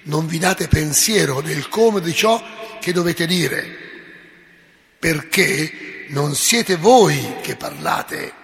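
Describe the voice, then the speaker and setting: Man doing a steadfast young woman, solemn and firm, bright voice, echoey hall. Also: on the high side, expressive, slow pace, vocal fry, heavily acted.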